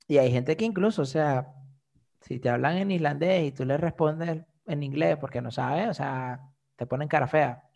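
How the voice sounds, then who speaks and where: A young man, a guest telling his story in a casual, slangy and animated way. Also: mid-range voice, vocal fry. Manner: animated, slangy, frequent filler "o sea". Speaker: interview guest, migrant living abroad.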